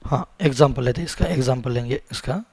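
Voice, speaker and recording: A man's voice: mid-range voice, fast, vocal fry, mellow, breathy edge, no room sound. A man with a sore throat, teaching a screen-recorded coding lesson and repeating words many times as he types. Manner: asks the viewers questions as he teaches. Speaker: programming instructor.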